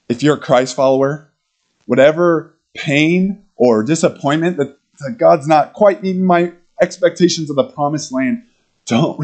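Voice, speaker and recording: Animated male pastor preaching. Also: medium pitch. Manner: animated, acts out quotes in character voices; laughs between points, conversational. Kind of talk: sermon.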